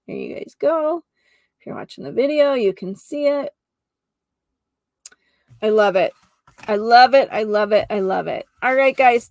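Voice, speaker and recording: Her voice a little high and gravelly, a woman hosts her own holistic healing podcast as a geomancer and energy healer, talking to listeners earnestly and effusively and emphasizing key words. There's no room sound in the recording.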